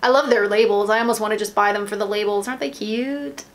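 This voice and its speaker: A woman's voice: mid-range voice, steady tone, fast. An American woman chatting casually about nail polish, rambling, with lots of ums and restarts. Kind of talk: casual haul chat.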